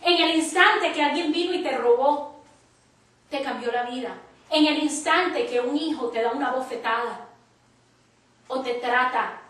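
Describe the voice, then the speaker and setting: A woman's voice: high-pitched, unhurried, pauses often, fairly bright tone. A woman preacher teaching a church class, telling a personal story with emphatic quoted dialogue. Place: church hall. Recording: echoey church from far off.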